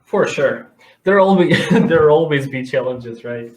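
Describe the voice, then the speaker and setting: A man's voice: on the high side, expressive, measured pace, darkish tone, a little hiss or hum. A man from North Macedonia, speaking conversationally as an expert guest in an interview. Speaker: interview guest, advertising director. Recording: echoey room sound.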